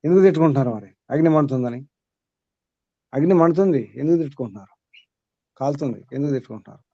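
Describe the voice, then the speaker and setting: A man's voice: a little high, dark tone, dry recording, muffled recording. A man teaching a small group as their spiritual guide, asking rhetorical questions and repeating his points.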